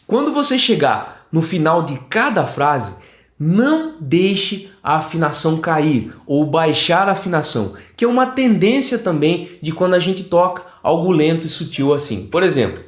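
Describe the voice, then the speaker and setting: A Brazilian man gives an online flute lesson, talking the viewer through each step and checking in as he goes. His voice sits high and moves a lot in pitch. The room around him is roomy and echoey. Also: normal speed. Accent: Brazilian Portuguese. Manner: animated, explanatory, checks in with "tá?". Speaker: flute teacher.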